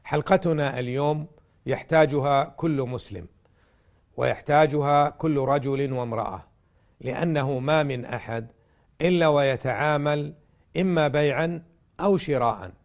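A man's voice: on the high side, normal speed. A man giving a religious talk in formal standard Arabic, teaching in a didactic way and setting out his points one by one. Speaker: religious programme host and lecturer.

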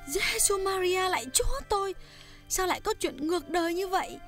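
A shrill, high-pitched village wife from an audiobook, wailing and pleading between sobs. Her voice keeps leaping high and sounds unlike the reader's own. Soft music lingers underneath. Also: lively intonation, normal speed. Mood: distraught. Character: distraught middle-aged village wife, shrill and tearful. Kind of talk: audiobook reading.

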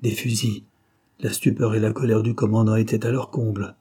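A man narrating a novel in a steady, measured reading. His voice sits low, with a mellow darkness and a husky grain. The delivery stays even and unhurried. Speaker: audiobook narrator.

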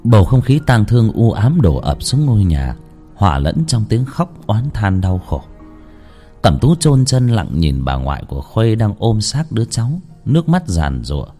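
A man with a fairly low voice narrates a scripted ghost story. His pitch rises and falls widely as he reads in a slow, dramatic, expressive way. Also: faint music behind.

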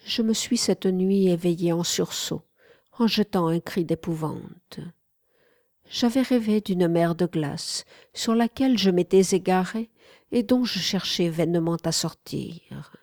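A woman narrating a literary audiobook in a measured, calm way. Her voice is mellow and warm at an unhurried pace, and the recording is dry and close. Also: lowish voice, no room sound.

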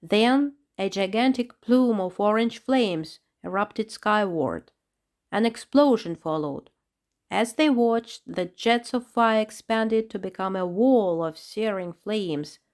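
A woman narrating a children's storybook with a steady, clear reading. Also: medium pitch, takes it slowly.

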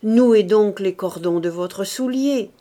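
A woman's voice: mid-range voice, slow, warm tone, close to an everyday voice. A woman voicing a retired male captain who teases another man in a falsely fatherly way. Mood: teasing. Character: mocking retired male captain, joker of the group.

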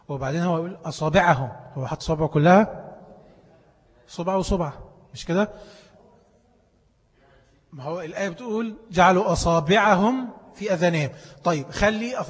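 A male teacher with an Egyptian Arabic accent talks fast in a high, husky voice. He keeps quizzing the class and supplying the answers himself. The sound carries a long reverb, as if he is in a big hall. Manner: quizzes listeners, then answers his own questions. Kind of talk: classroom lesson.

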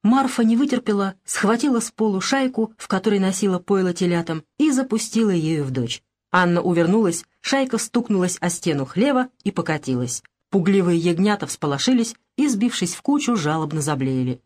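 Female audiobook narrator, measured and even, mid-range voice. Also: mid-range voice. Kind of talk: scripted narration of a novel.

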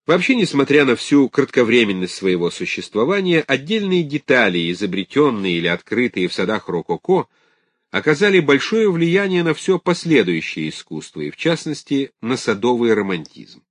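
A man reading a scholarly text on garden art aloud, in a measured, lecture-like way. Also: mid-range voice, big pitch swings, no echo, clean studio sound. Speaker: audiobook narrator.

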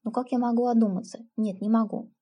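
A woman's voice: on the high side, steady tone, fast, dark tone, slightly rough. A woman voicing a timid, earnest young village woman who pleads and defends herself.

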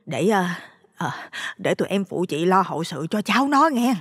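A man voicing a gentle, anxious village woman with a soft pleading tone and a Southern Vietnamese accent. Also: extremely high pitch, lively intonation, unhurried, no room sound, studio quality, pitched above the performer's own voice. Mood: consoling.

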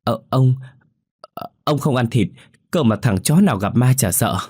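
A man's voice: medium pitch, animated, normal speed, a little mellow, slightly rough, pitched above the performer's own voice. A man voicing a frightened young male student who stammers and pleads in panic. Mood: terrified.

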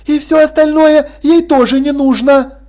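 A man voicing a shrill, protesting mother in an audiobook. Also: fairly even intonation, a little slow, a little mellow. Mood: indignant.

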